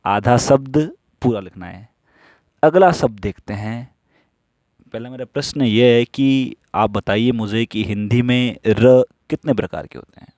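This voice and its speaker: A man teaching stenography in a slow classroom style, who asks questions and answers them himself while repeating the rules. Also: medium pitch, darkish tone, no echo, studio quality.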